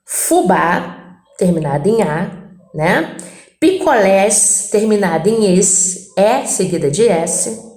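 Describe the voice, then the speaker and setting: Slow, patient Brazilian woman teacher. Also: mid-range voice, lively intonation, darkish tone, reverberant. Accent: Brazilian Portuguese. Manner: patient, repeats points and checks in with frequent "tá?". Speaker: Portuguese teacher. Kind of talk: recorded lesson going over textbook exercises.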